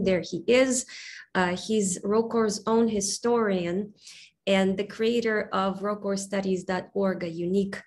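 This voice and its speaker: A woman hosts a live webinar over a video call while getting over covid. Her speech halts and restarts, full of fillers as she reads out names and plugs a website. Her voice sits at an ordinary middle pitch. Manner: halting, many fillers and restarts. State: recovering from covid, brain fog. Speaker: webinar host.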